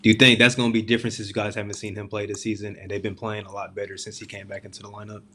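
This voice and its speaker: Casting: male sports show host, lowish pitch, loose conversational interview style with slangy wording. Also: flat delivery, racing, bright, forceful tone. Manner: informal slangy phrasing.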